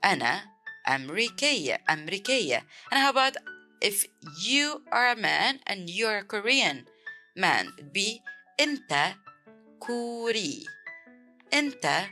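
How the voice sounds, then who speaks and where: An Egyptian woman with an Egyptian accent teaches Arabic to beginners, clearly repeating each word several times. Her voice is medium in pitch, bright, and forceful.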